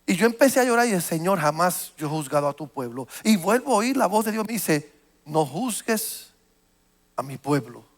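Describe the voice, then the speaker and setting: A male pastor preaching a sermon, telling a personal story with frequent restarts and repeated words, and growing animated as the story builds. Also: sits high, fast talker, few pauses. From United States.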